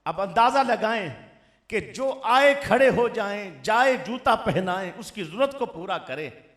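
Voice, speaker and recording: A man with a Punjabi accent delivers a sermon in a mosque, his high voice leaping up and down as he fires questions at the listeners. His delivery swings between loud and hushed. The voice rings through an echoey mosque sound system. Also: lively intonation, unhurried. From Pakistan. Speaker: Islamic cleric. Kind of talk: fiery sermon.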